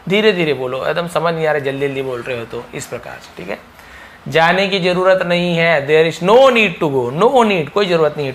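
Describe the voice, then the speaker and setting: A man with a Hindi accent teaching spoken English, explaining patiently and repeating model sentences slowly. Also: on the high side, fairly bright tone, slight background noise.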